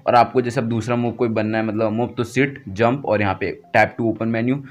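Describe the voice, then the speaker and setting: A man's voice: medium pitch, fairly even intonation, a little fast. A man doing a casual gameplay tutorial voice-over, chatty and thinking aloud as he picks options, recorded at home after the gameplay. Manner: chatty, keeps saying "guys", thinks aloud while picking options. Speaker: gaming channel host.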